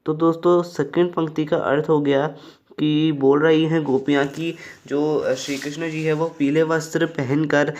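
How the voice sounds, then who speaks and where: A man's voice: a little high, level tone, a little slow, a little mellow. A young man explaining a Hindi poem line by line in a plain, repetitive way, often calling his viewers friends. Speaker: tutor.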